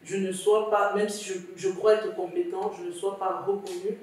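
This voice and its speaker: A woman's voice: mid-range voice, level tone, moderate pace, a little mellow. A woman from Cameroon hosting a podcast interview, reflective and relating the topic to her own experience. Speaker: podcast host. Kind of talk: conversational interview. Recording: echoey room, distant mic.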